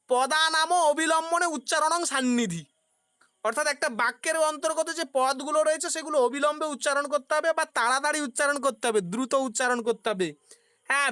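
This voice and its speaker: A woman's voice: high voice, a bit bright, dry recording, studio quality. Woman teaching, quizzing herself aloud. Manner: poses questions and answers them herself; explains with everyday examples. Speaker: philosophy teacher. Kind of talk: exam-prep lecture.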